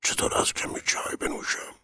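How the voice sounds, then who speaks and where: A man's voice: very deep voice, animated, vocal fry, sharp tone, husky, full character voice. A man voicing a dying middle-aged man in pain, whispering his inner thoughts and giving curt, weary replies. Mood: whispered despair.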